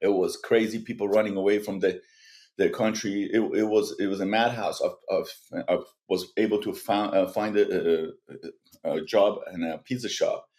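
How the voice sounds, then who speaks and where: Low-voiced Iranian-born man telling his story. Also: steady tone, darkish tone. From Iran. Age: 40s. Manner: earnest, halting, with frequent restarts. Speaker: guest. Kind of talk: personal story in a podcast interview.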